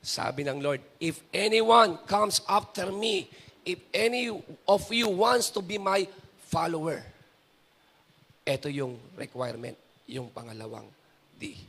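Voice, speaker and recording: High, gravelly-voiced Filipino pastor preaching. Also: male voice, expressive, slow. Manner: switches between Tagalog and English, asks the congregation questions; builds to shouted climaxes. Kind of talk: sermon.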